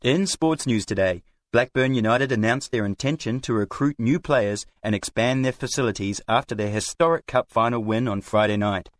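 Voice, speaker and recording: A man's voice: medium pitch, moderate pace, hardly any pauses, no room sound. A man reading a scripted sports news report in a formal manner.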